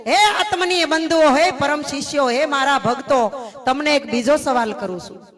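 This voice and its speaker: A woman voicing a solemn old male guru who slowly questions his disciples. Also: high-pitched, close to an everyday voice. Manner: slow, drawn-out, preaching questions.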